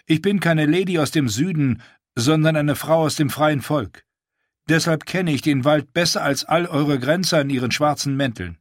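A man's voice: on the high side, normal speed, dry recording, studio quality, voice pushed up, lightly acted. A man voicing a bold, proud wildling woman from the free folk, speaking firmly and with self-assurance.

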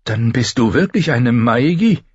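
A man's voice: medium pitch, expressive, measured pace, darkish tone, breathy edge, no room sound, voice pushed up. A man voicing a young queen in a storybook reading, speaking urgently and pleading. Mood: pleading, desperate. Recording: slightly dull recording.

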